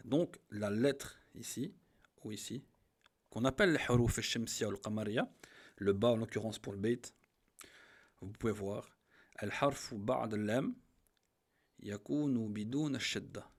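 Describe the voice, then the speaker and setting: Man, teacher, patient, slow repeated examples, mid-pitched voice. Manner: patient, repeats each example slowly and stresses the Arabic words. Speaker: Arabic teacher. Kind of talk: grammar lesson.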